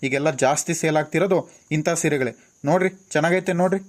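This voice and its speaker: A pushy travelling sari seller, played by a man, coaxes his customers with a steady stream of sales patter. His voice sits a little high, and he speaks. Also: fast, lightly acted. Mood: coaxing.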